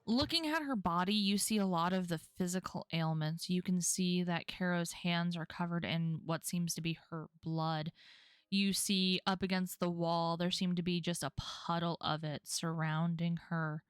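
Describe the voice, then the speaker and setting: A woman's voice: on the low side, flat delivery, unhurried, smooth, no echo. A woman narrating a tabletop role-playing game as game master.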